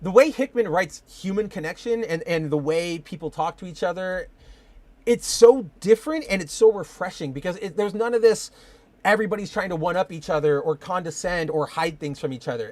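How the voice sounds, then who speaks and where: A man's voice: high-pitched, a little mellow, no room sound. A young man hosting a casual live-streamed podcast, rambling and enthusiastic, full of fillers. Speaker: podcast host.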